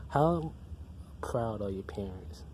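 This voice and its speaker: A man interviewing a student, asking halting questions that repeat words. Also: lowish voice, expressive, darkish tone, a little hiss or hum.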